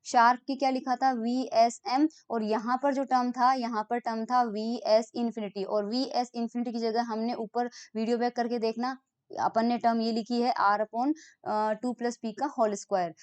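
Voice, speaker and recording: A woman gives a physics lecture in a smooth, resonant voice pitched a little high. She walks through formulas step by step. She reads definitions slowly, then explains them again in plain terms. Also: little pitch movement, darkish tone, no echo. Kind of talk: recorded online lecture.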